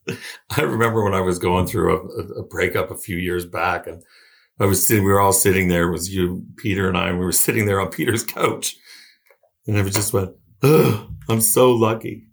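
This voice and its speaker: A man in his forties with a low voice hosts a friendly podcast conversation. He talks casually, often laughing and stumbling over restarts as he goes. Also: steady tone, a little fast, vocal fry. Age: 40s. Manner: warm, laughing, hesitant restarts. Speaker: podcast host. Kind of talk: casual chat.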